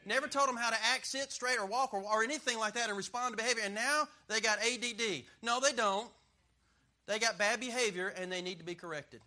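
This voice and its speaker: A middle-aged man preaching with a high, cutting voice that rings sharply at the top. He hammers each point home, trades quips with his listeners and leans on call-and-response. He is a pastor in full sermon mode. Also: brisk, pushed and bright. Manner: emphatic, punchy and joking, with call-and-response.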